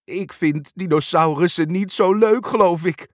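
A man's voice: high-pitched, measured pace, no echo, clean studio sound, voice pushed up. A man reading a storybook and voicing Muk, a timid male work machine who speaks nervously and hesitantly.

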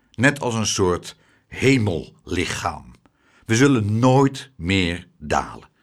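A brooding, ponderous gentleman from a storybook, put on by a male reader, drawing out his grim words slowly and heavily. His voice dips low and swings widely. He is quick to panic. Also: heavily acted. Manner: slow, drawn-out doom-laden musings. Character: anxious gloomy middle-aged gentleman, ponderous, easily panicked. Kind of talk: storybook reading.

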